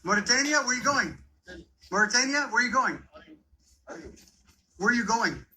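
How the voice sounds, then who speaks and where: High, bright-voiced man firing questions. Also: lively intonation, a little hiss or hum. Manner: brisk, repetitive questions. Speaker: interviewer questioning arriving migrants. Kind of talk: rapid street questioning.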